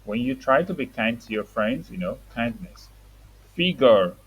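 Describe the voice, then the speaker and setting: A woman's voice: very deep voice, very animated, unhurried, slightly rough, low-quality recording. A woman teaching reading to a young child, saying words for the child to repeat and explaining them simply.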